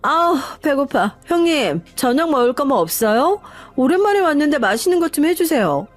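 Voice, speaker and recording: A woman's voice: high-pitched, sing-song, moderate pace, pitched above the performer's own voice. A woman voicing a brash, rude younger sister-in-law who talks down to everyone in a mocking, dismissive way. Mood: scornful. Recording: faint background music.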